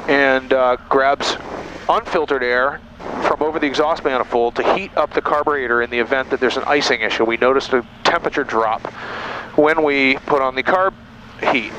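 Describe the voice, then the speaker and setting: A man's voice: on the high side, a bit bright, rough recording. A man, a pilot, methodically talking through checklists and explaining each step as a flight lesson in a small airplane cockpit. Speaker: pilot instructor. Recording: cockpit audio with clear engine noise.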